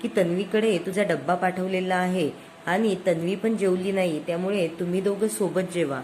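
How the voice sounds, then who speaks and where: A woman's voice: lowish voice, steady tone, normal speed, a little mellow, a little hiss or hum, close to an everyday voice. A woman voicing a doting, affectionate young husband in a serial recap, in a plain retelling voice. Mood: fond.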